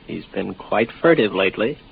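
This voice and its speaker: A 1950s radio drama, muffled and noisy, features an actor in his 20s with a fairly low, gravelly voice, delivered animatedly at a moderate pace. His character, a tired and lonely young spaceman, drifts through wry, sardonic musings.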